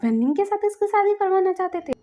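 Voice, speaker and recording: A woman's voice: very high voice, animated, fast, warm tone, voice pushed up. A woman voicing an earnest lovestruck young man who pleads and protests in casual slang. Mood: earnest, protesting.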